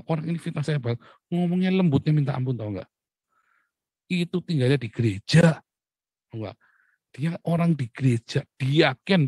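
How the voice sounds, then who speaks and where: A male preacher gives a relaxed, conversational sermon, often pausing to ask his listeners questions and laughing lightly. His mid-pitched voice sounds close and dry. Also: dry recording. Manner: lively preaching with rhetorical questions and chuckles. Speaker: pastor. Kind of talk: casual sermon.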